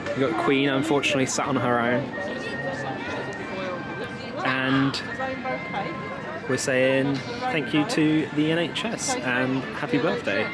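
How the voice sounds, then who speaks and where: A young British man, a travel vlogger, speaks at a medium pitch and takes his time, leaving long pauses. He films a casual walk-around outdoors in a busy theme park with the camera at arm's length, offering chatty, loosely improvised observations. Loud music plays behind him, along with crowd chatter and heavy ambient noise.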